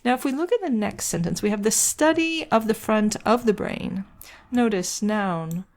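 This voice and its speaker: Woman teaching writing, slight vocal fry. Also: mid-range voice, darkish tone. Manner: explains step by step, asking herself questions then answering. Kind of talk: walkthrough editing lesson.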